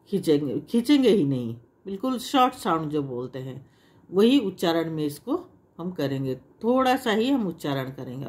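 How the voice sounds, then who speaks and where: A woman gives a lesson to children at a measured, unhurried pace. She explains patiently, repeating each example. When she demonstrates long sounds, she draws the vowels out. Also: medium pitch, darkish tone. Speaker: Hindi teacher.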